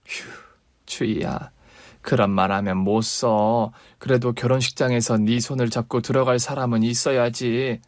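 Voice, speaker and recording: Sorrowful middle-aged mother, played by a man, soft coaxing voice, dry close sound. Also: fairly low pitch, flat delivery, a little slow, no room sound. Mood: gentle coaxing. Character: middle-aged mother, long-suffering and gentle. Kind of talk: radio story reading.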